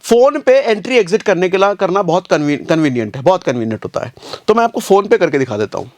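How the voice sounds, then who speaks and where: A man walks viewers through a trading chart in a casual, repetitive tutorial voice. His voice sits high, and he calls his listeners "bhaiya". The recording is close and dry, with no room sound. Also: very animated, fast talker, darkish tone, no echo. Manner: casual, addresses viewers as bhaiya, repeats phrases.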